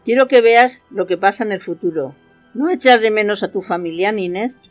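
A woman's voice: mid-range voice, moderate pace, soft background music, lightly acted. Woman as solemn Ghost of Christmas Future. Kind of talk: amateur radio play acting.

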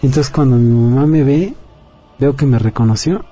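A man's voice: medium pitch, normal speed, warm tone. A man giving an earnest personal testimony as an interview guest. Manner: earnest, confiding storyteller. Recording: dull lo-fi audio, faint music.

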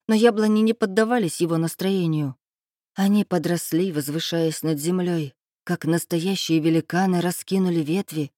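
A woman reading a first-person story aloud as an audiobook narrator, even and measured. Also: fairly low pitch, no echo, studio quality.

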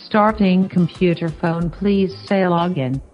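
A woman's synthetic home-system voice, low and slow. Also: faint music behind. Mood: prompting. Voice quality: flat synthetic machine voice. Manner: short clipped spoken replies. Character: female computer voice of a home control system.

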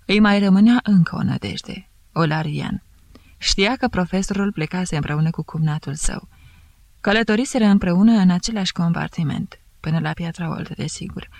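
Woman audiobook narrator, gravelly texture, dry close mic. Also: fairly low pitch, a little mellow, no room sound. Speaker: audiobook reader. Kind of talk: scripted narration.

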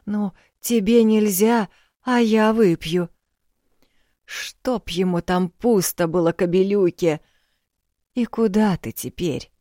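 A woman reader voicing an elderly village landlady, blunt and earthy, scolding loudly in folksy speech. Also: medium pitch, slow, no room sound, studio quality, voice pushed up, lightly acted. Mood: fussing.

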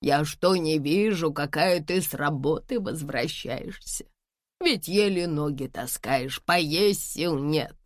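A woman reading the part of an elderly mother, gentle and worried, speaking slowly and tenderly in an audiobook. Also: very deep voice, animated, creaky, no echo, clean studio sound, exaggerated voice. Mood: anxious. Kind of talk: audiobook dialogue.

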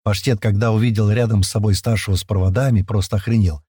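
A man's voice: lowish voice, steady tone, fast talker, warm tone, breathy edge, dry recording, studio quality. A man reading a first-person adventure story in a colloquial, storytelling way. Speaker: narrator. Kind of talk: first-person audiobook narration.

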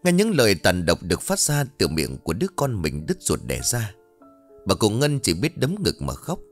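A man's voice: lowish voice, huge pitch swings, normal speed, faint music behind. A man narrating a ghost story in a dramatic storytelling manner.

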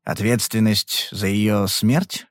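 A man voicing a calm, persistent male private detective in an audiobook, questioning in a blunt, probing way. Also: on the low side, slow, dry recording, clean studio sound.

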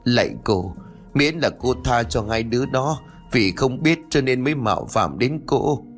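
Scared old mom begging and crying, man voicing her, raised pitch, swoopy. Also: animated, measured pace, soft background music. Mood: pleading. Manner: pleading, tearful. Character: frightened old mother, pleading desperately.

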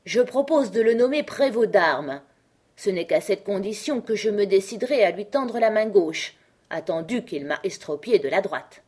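A woman voicing a loud, jovial, boastful drunken country surgeon in a storybook reading. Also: animated, moderate pace, breathy edge. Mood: booming. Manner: booming, boastful.

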